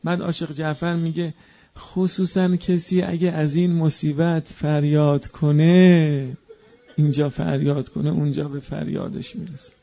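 A man preaching a mourning sermon, moving between quiet narration and chanted, wailing cries. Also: a little high, little pitch movement, vocal fry.

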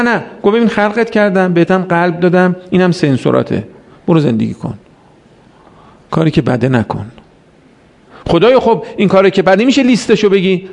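A man's voice: a little high, gravelly, darkish tone. A man preaching a religious sermon, exhorting his listeners with rhetorical questions and reciting Arabic verses in a chanted tone.

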